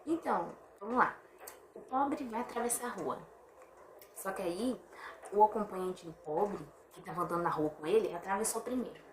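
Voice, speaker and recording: A woman's voice: medium pitch, normal speed, slight background noise. Chatty woman in an echoey room. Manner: chatty and animated, piles up rhetorical questions and exasperated sighs. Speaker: vlogger. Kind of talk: casual opinion monologue to camera. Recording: echoey room with faint ambience.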